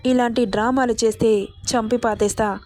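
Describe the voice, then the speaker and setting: A woman reading the lines of an angry young husband who scolds and shouts, without changing her own voice much. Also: a little high, fairly even intonation, normal speed, slight background noise, lightly acted. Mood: harsh. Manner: shouting, scornful.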